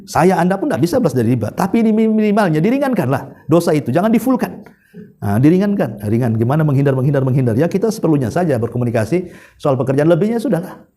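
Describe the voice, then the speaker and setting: A male preacher, telling stories in a chatty, animated sermon. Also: fairly high pitch, quick pace. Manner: chatty, animated retelling with laughs. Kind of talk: sermon storytelling.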